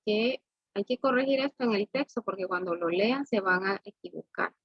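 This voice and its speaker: A woman teaching a class, explaining slowly and checking in with "¿verdad?" after nearly every point. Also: medium pitch, husky, no echo, lo-fi sound. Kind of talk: classroom lesson.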